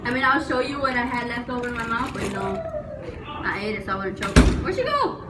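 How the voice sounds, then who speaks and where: Young woman, high lively voice, giggly, casual host chat, noisy room. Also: fast talker, recorded from a distance. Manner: giggly, excitable. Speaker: challenge video host. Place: room upstairs in a school. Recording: echoey room, loud background noise.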